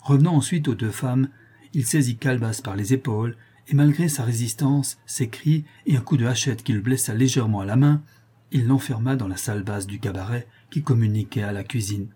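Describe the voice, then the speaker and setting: A man narrates a classic novel as an audiobook in a steady, expressive way. His voice is mellow and dark, with a husky grain. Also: mid-range voice, a little fast.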